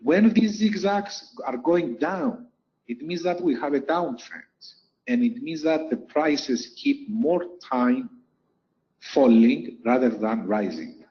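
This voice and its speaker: A man's voice: medium pitch, expressive, slow pace, muffled recording. A man teaching a lesson over chart slides, explaining step by step and repeating key points for emphasis. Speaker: trading instructor.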